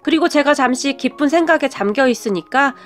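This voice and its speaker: Woman reading out a life story, high voice, steady and measured, faint music behind. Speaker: narrator. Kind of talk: scripted first-person story narration.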